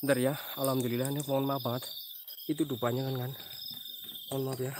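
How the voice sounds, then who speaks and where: A man's voice: medium pitch, little pitch movement, fast. A man hosting a night live stream outdoors at a graveyard, apologizing often and flustered while fixing his tripod. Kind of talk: casual live night vlog. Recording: outdoor night, loud insect noise. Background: loud crickets and insects.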